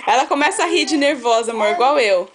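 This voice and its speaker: High-voiced mother cooing baby talk. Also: animated, quick pace, crowd noise. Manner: cooing, sing-song baby talk with frequent laughter. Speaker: mother filming her baby. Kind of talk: home video baby talk. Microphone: handheld phone camera.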